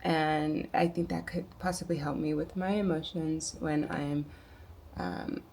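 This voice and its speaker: A woman talking quietly to her camera in a personal vlog, reflective and searching for words, sometimes dropping into quiet asides. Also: sits low, fairly even intonation, unhurried, slight background noise. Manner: soft-spoken, musing, with quiet asides. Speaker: vlogger.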